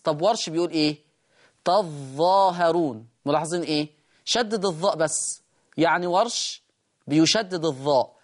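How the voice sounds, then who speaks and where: A man with an Egyptian accent hosting a Quran lesson, patiently explaining the readings and repeating words to demonstrate them. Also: on the high side. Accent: Egyptian Arabic. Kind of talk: explanatory teaching.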